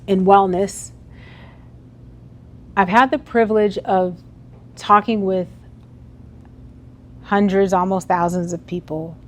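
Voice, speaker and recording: A woman giving a motivational keynote speech to a live audience in an event hall, talking conversationally and putting questions to the crowd. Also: mid-range voice. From United States. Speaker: keynote speaker.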